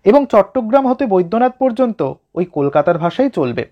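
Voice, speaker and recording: A man's voice: sits high, big pitch swings, a little fast, muffled recording. A man teaching an exam-prep literature lesson, explaining a text line by line and speaking directly to his students.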